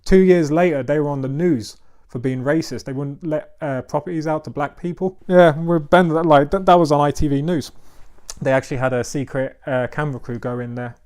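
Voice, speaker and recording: A man's voice: on the high side, fairly even intonation, a little fast, darkish tone, clean tone. A man talks through memories in a loose, rambling podcast chat. He fills gaps with "like" and "um" and swears freely. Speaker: podcast host. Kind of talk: casual chat.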